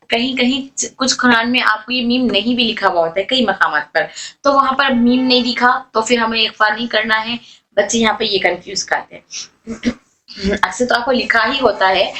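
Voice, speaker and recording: A woman teaches an online tajweed recitation lesson, explaining patiently while repeating and drawing out the example sounds. Her voice is on the high side and fairly bright, and the recording is low quality.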